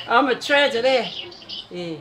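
A woman's voice: fairly high pitch, expressive, slow, a crowd in the background. An older woman from Tennessee with a Southern country accent, chatting with her grandson in her kitchen and laughing often. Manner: laughs often, warm drawl, exclaims to the Lord. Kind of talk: casual family chat. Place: home kitchen.

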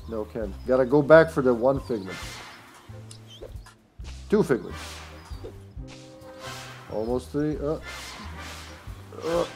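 A man's voice: mid-range voice, animated, slow pace, pauses often, a little mellow. A man in his thirties giving casual, rambling, joking and sweary commentary as he plays a video game. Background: faint game music.

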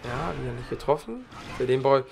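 A slightly hoarse man giving casual, slangy let's play commentary while he plays, chatting loosely between moves. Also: mid-range voice, sing-song, fast talker, darkish tone. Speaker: gaming channel host.

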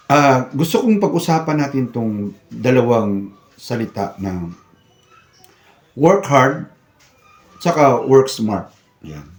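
Older male vlogger, missing-front-teeth speech, mid-pitched voice, casual and emphatic, echoey room recording. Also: a little mellow. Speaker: vlogger, retired security guard. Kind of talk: casual vlog chat.

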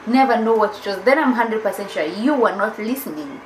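A woman's voice: mid-range voice, animated, brisk, echoey room, slight background noise, low-quality recording. A woman, co-hosting a casual couple's vlog, insistent and teasing. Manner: insistent, teasing, laughs often. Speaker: vlog co-host. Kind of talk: casual chat.

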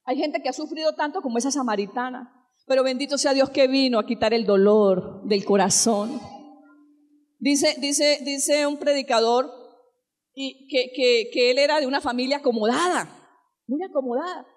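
A woman's voice: high-pitched, normal speed. A woman pastor preaching a sermon, telling stories and asking the congregation questions, rising to fervent exclamations. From Colombia. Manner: asks the congregation direct questions.

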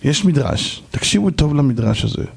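A rabbi delivering a sermon in a highly animated way, pitch leaping up and down. His voice sits a little high for a man, and he turns to address his listeners directly. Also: gravelly, slightly rough.

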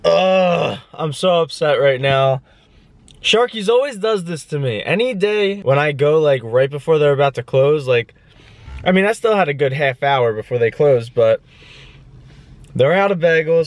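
A man in his twenties talking to the camera in a casual, upbeat and rambling vlog. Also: mid-range voice. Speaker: vlogger.

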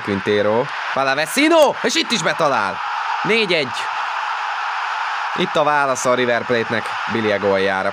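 Deep-voiced man, excited football commentary, loud noise. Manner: excitable, voice jumps up on goals and chances. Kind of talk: excited live sports commentary on a football video game. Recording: noisy, loud stadium game sound behind. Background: football video game stadium ambience.

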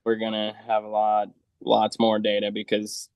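A man's voice: on the low side, monotone, normal speed, no room sound. A man in his early thirties, a guest joining by video call, answering in a plain, modest, hesitant way. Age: 30s. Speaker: podcast guest. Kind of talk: casual interview answers. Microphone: remote video call.

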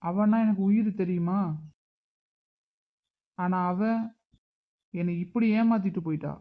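A man voicing a hurt, stubborn uncle who scolds and grieves in an animated drama. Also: high-pitched, a little slow, narrow, tinny audio. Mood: reproachful. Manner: reproachful, emotional. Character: hurt, stubborn middle-aged uncle, angry but grieving.

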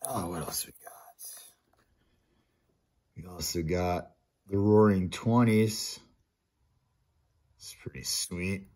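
A man's voice: low voice, slow pace, long pauses, darkish tone. A man hosting a casual unboxing chat, talking to viewers like friends in a laid-back, slangy way at his desk. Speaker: channel host opening mail. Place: indoors at a desk with a coin display.

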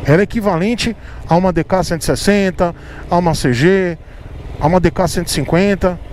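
A man's voice: high-pitched, a little fast. A man riding a motorcycle through city traffic, explaining things to his viewers in a casual, repetitive way. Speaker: motovlogger. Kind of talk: casual motovlog talk while riding. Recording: loud street and engine noise. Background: traffic and engine noise.

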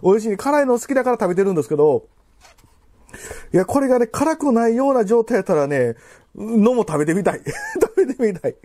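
Sitting in his home living room, a Kansai-accented food vlogger in his thirties eats and drinks on camera while chatting casually. Struggling with the spicy food, he speaks haltingly, rambling and repeating phrases. His mellow voice sits high and sounds very animated.

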